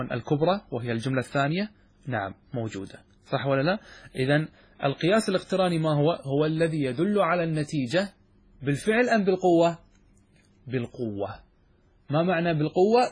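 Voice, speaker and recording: A quick, slightly husky man lectures like a sheikh, working through a logic text line by line. His voice sits a little high for a man, and he keeps throwing questions at the class and answering them himself. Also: darkish tone. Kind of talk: classroom lecture explaining a poem.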